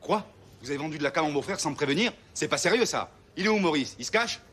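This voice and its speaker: A man's voice: fairly high pitch, lively intonation, quick pace, fairly bright tone, slight background noise. An actor playing a stubborn, demanding male fabric customer. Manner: insistent, haughty.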